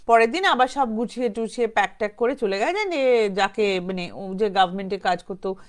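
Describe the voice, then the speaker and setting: This ghost story comes from a woman with a brisk, mid-range voice. She tells it casually and rambles as if chatting, dropping in English words and performing the quotes lightly.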